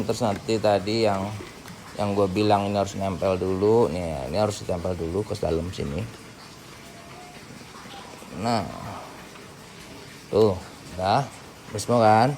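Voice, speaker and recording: A man with a lowish, darkish voice hosts a casual hands-on tutorial, chatting informally through each step while working. The background is clearly noisy.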